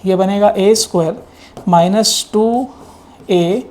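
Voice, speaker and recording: A man's voice: high voice, takes it slowly, darkish tone. A male maths teacher giving an exam-prep lecture. He works through each step and keeps asking the students rhetorical questions, mixing English maths terms into his explanation.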